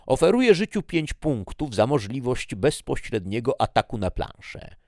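A man's voice: medium pitch, sing-song, moderate pace, darkish tone, no room sound, studio quality, pitched above the performer's own voice. A man voicing Death personified as a scheming, menacing figure in a told story, raising his voice to declaim.

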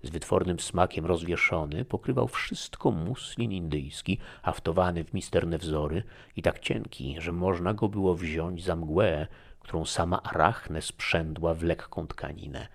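A man narrating a classic novel in a measured, formal reading style. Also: deep voice, creaky. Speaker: audiobook narrator. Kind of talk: scripted narration.

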